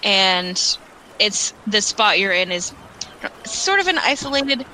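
A woman's voice: mid-range voice, big pitch swings, takes it slowly, sharp tone, a little hiss or hum, rough recording. A woman running a tabletop game, narrating casually and loosely with restarts. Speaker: game master.

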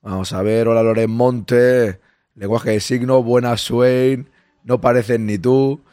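Hoarse host chatting on a live stream. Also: male voice, mid-range voice, fairly even intonation, slow pace, a little mellow, no echo, studio quality. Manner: chatty, greets listeners by name, reassuring. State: hoarse, losing his voice. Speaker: podcast host reading live chat. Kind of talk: casual live-stream chat.

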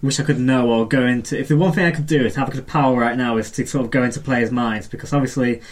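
A man's voice: medium pitch, steady tone. A man on a football fan podcast panel, talking casually and rambling, stumbling over his words. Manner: quick, rambling, repeats words.

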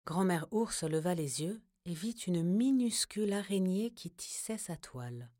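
A woman narrating a children's story in a calm, gentle way. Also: fairly low pitch, a little slow, dry recording, studio quality.

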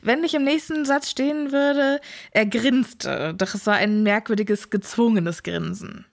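A woman's voice: fairly high pitch, steady tone, normal speed, creaky. A woman co-hosting a casual chat, retelling a chapter and acting out lines. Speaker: podcast co-host.

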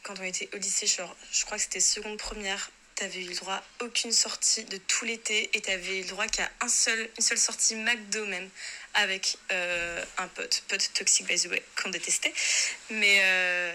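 A young woman in her twenties casually recalling school parties, slangy and relaxed with lots of fillers. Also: mid-range voice, moderate pace, slight background noise. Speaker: friend recalling school days. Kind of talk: casual recollection.

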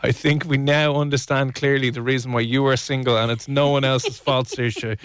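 An Irish man hosts a radio show in a relaxed, teasing way. His voice sits at a mid pitch, and the sound is dry and close to a studio mic. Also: fairly quick, smooth, dry recording. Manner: playful, teasing, animated. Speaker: radio host. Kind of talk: casual radio chat. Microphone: studio microphone.

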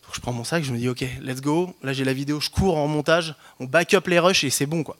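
A man in his thirties from France telling a personal anecdote to an audience, lively and self-mocking, with frequent restarts and slang. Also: a little high, fast talker. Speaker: storyteller.

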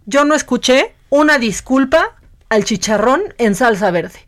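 A woman's voice: high voice, expressive, unhurried. A woman talk show host, sarcastic and teasing. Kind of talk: casual banter.

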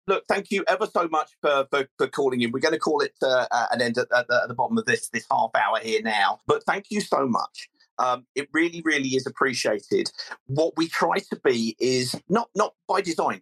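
A man's voice: mid-range voice, fairly bright tone, breathy edge, poor audio. A man with a southern English, Surrey accent hosting a casual live football fan phone-in, often repeating words as he gathers his thoughts. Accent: Mid-Surrey, southern English. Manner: hesitant, repeats words mid-sentence. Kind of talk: casual live sports discussion.

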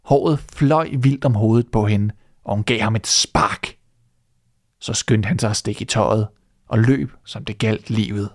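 A man reading a fairy tale aloud as storyteller, in steady narration. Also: on the low side, no room sound, clean studio sound.

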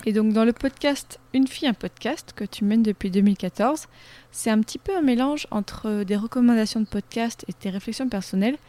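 A woman's voice: fairly high pitch, brisk, dark tone. A woman interviewing a fellow podcaster, asking short encouraging questions.

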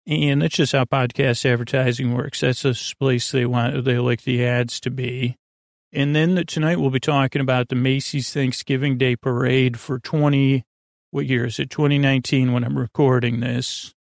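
A man hosts a bedtime podcast, rambling in a friendly, meandering way and often trailing off before starting again. His mid-range voice is flat in delivery, with vocal fry, at a moderate pace. The recording is dry and of studio quality.

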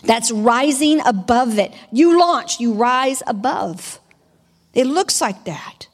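A woman preacher giving a sermon, reading scripture aloud and then exhorting her listeners in an animated way. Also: fairly high pitch, takes it slowly, in a large hall.

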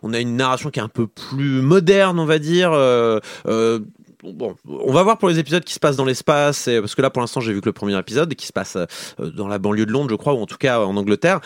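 A man's voice: medium pitch, expressive, fairly quick, no room sound, studio quality. A man co-hosting a podcast in casual chat, enthusiastic and rambling with many fillers. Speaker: podcast co-host.

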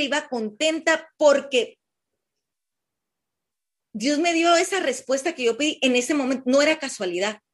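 A middle-aged woman with a Mexican Spanish accent telling the listeners her personal cancer story in a heartfelt, halting way. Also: high voice. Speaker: breast cancer patient sharing her story. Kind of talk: emotional personal testimony.

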